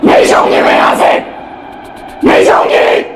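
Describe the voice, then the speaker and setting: A woman playing a vengeful female ghost in a horror film, wailing and shouting defiantly and begging for release. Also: normal speed, close to an everyday voice. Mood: wailing defiance. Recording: distant voice under loud music and crowd noise.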